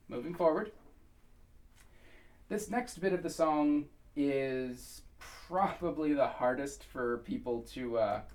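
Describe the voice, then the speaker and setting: Male choir leader, patient pronunciation coach, careful and clear, recorded slightly off-mic. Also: mid-range voice, far from the mic. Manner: patient, slow and careful over each word. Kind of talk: pronunciation lesson.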